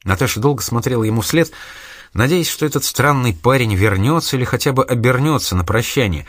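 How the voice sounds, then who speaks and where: A man narrates an audiobook from a script, telling the story in a measured, even manner. His voice is medium-pitched, and the recording is dry with studio quality.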